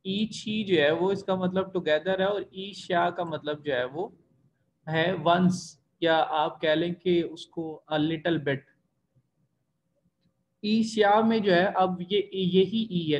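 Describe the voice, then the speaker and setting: Slow, patient man teaching a language class. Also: a little high, dull audio. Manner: slow, patient explaining, drawing out example syllables. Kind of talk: online class lecture. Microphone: online class recording.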